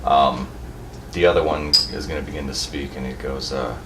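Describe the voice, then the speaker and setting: A man's voice: a bass voice, normal speed. A man narrating a tabletop role-playing session as game master, casual and rambling. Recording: echoey room, mic far off, steady background noise.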